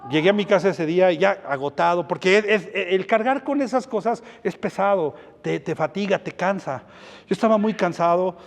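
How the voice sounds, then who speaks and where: A man preaching a sermon as pastor, telling stories and acting out both sides of the dialogues. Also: high voice. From Mexico. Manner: animated storytelling, acting out dialogues. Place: church hall. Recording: church hall with long reverb.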